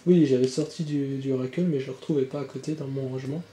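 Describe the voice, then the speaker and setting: A man's voice: medium pitch, steady tone, quick pace, dark tone, reverberant, slight background noise. A man hosting a casual card-unboxing commentary, chatty and rambling, swearing now and then. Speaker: channel host opening trading card boxes. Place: indoor room with birds outside.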